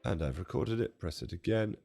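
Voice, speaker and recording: A man demonstrating music software from a home studio, his voice strained and close to giving out, chatty and self-deprecating with jokey asides. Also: sits low, expressive, fairly quick, creaky. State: strained, nearly losing his voice. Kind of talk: casual product walkthrough.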